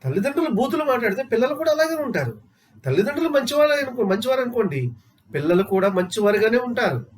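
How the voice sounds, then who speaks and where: A man's voice: extremely high pitch, very animated, fast talker. A man preaching a sermon, asking his listeners rhetorical questions and repeating phrases for emphasis.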